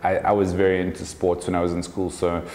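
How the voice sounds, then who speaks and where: South african guy in his 30s, low voice, chatting loose w lots of ums, echoey room w long reverb. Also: fast, a little hiss or hum. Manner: relaxed, thoughtful, many fillers and restarts. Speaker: guest, business owner. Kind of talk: casual interview.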